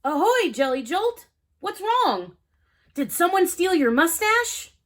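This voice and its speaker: A woman's voice: very high voice, very animated, slow, fairly bright tone, full character voice. A woman voicing a cheerful, silly narwhal superhero boy, reading a children's storybook aloud with a playful, joking manner.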